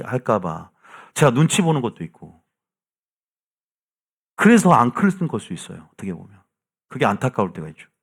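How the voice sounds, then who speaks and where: A male pastor preaching a sermon from the pulpit, shifting from soft asides to loud, emphatic calls to the congregation. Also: mid-range voice. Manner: asks the congregation "믿습니까?" again and again. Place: church sanctuary, from the pulpit.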